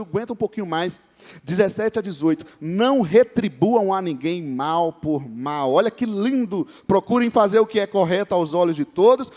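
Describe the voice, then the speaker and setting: A man with a Brazilian Portuguese accent preaches in a strikingly high voice. He keeps turning to the congregation with questions and teases members by name. His words carry a long reverberant tail from the church hall. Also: darkish tone. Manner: conversational preaching with frequent calls to the congregation; jokes with named members of the congregation. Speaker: pastor. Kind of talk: sermon.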